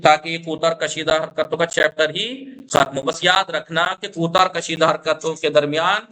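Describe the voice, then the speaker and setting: A man's voice: on the high side, level tone, pushed and bright. A man teaching a classroom lesson on Quran recitation. He explains patiently, demonstrates the vowel sounds aloud, and checks often that his students follow.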